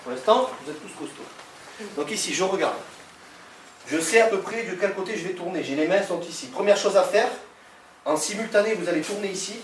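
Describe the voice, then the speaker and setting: A man's voice: sits high, lively intonation, a little fast. A man teaching self-defense in a live class, giving directions and checking in with frequent "okay?"; recorded in an echoey hall from a distant camera mic with noise behind.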